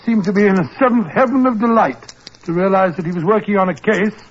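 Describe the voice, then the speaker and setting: A genial, bumbling older English doctor in an old radio drama. His voice is high and husky, full of avuncular mumbles and huffs. The sound is muffled. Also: quick pace. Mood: genial, amused. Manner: avuncular, mumbling, huffing interjections. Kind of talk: 1940s radio acting. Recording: muffled 1940s radio recording.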